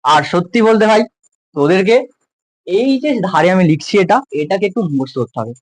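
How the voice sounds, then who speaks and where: A man's voice: high voice, lively intonation, a little fast, no room sound, rough recording. A male science teacher with a West Bengal Bengali accent, giving a casual, jokey classroom lecture to school students. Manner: informal, jokey, addresses students as close juniors.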